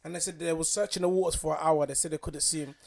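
A man with a London accent and a high voice full of fry. He talks fast and slangily, bantering casually as a podcast co-host. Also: fairly even intonation, a little mellow.

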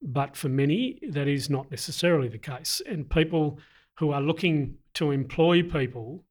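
A middle-aged man, an army veteran, answering interview questions in a deliberate, earnest way with frequent pauses. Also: a little high, lively intonation, darkish tone. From Australia.

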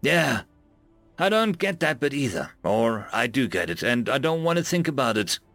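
A wry, uneasy trooper giving a dry report, as a male narrator puts him on. The voice is lively in pitch with a gravelly edge, read close and dry. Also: normal speed, dry recording, faint music behind.

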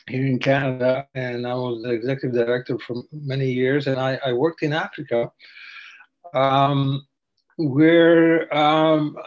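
A man's voice: medium pitch, highs cut off. Older man, meandering storyteller. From Slovakia. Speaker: podcast guest. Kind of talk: casual interview.

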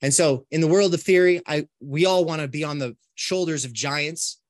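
Animated man giving a casual lecture. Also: a little high, normal speed, no room sound, clean studio sound. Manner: conversational, animated, thinking aloud with restarts. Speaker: online philosophy course instructor. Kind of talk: informal lecture to students.

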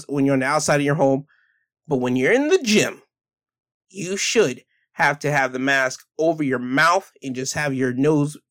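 This podcast host, a man whose first language is English, has a fairly high and somewhat bright voice. Running the show alone, he talks loosely and chattily with frequent restarts and self-corrections, then moves on to reading news articles out loud.

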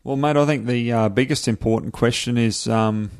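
A man's voice: medium pitch, steady tone, normal speed, smooth. An Australian man being interviewed as a guest, chatting casually in a laid-back, blokey way with hesitant phrasing. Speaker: podcast guest, product reviewer.

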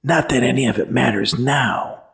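A man voicing a disturbed, mournful old man who mutters in a low voice. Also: moderate pace, gravelly, a bit bright.

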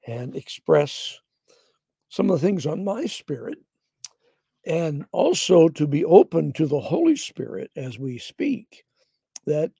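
An older man hosting a devotional Bible teaching broadcast, speaking slowly and reflectively in a rough morning voice, often clearing his throat. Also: fairly high pitch, mellow, no room sound.

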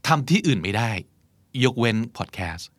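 A man in his thirties hosting a podcast in a relaxed, storytelling way that slips into easy laughter. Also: mid-range voice, normal speed, slightly rough, no room sound. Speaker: podcast host. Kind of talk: casual podcast chat.

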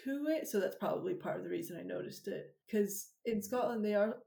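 A woman's voice: medium pitch, fairly quick, creaky. A woman guest on a podcast, chatting casually and telling stories with frequent laughs. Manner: chatty, animated storyteller who laughs often.

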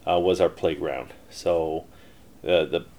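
A man's voice: low-pitched, slow pace, darkish tone. A middle-aged man telling his life story in a casual interview, rambling with many fillers and restarts. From Canada. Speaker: interview guest, entrepreneur.

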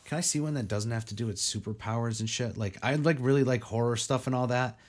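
A podcast host with a medium-pitched voice talks fast in a casual chat. He rambles, saying "like" a lot and swearing frequently.

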